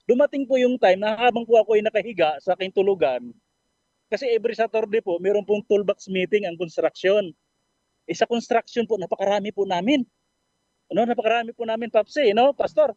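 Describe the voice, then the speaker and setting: An earnest man sharing his faith story on a radio program, polite and full of fillers and restarts. His voice sits high for a man, and the dry, dull recording sounds muffled. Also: fairly quick, mellow, no echo. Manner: earnest, polite, with frequent fillers and self-corrections. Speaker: caller sharing a testimony.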